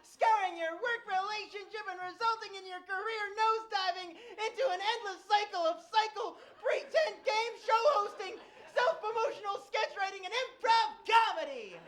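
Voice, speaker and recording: Woman playing a high-pitched, showy game show host. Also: a bit bright. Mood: showy, excited. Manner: exaggerated, teasing, drawn-out announcing. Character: showy, sardonic dating game show host named Jeremy. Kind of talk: comedy sketch, theatrical game show presenting.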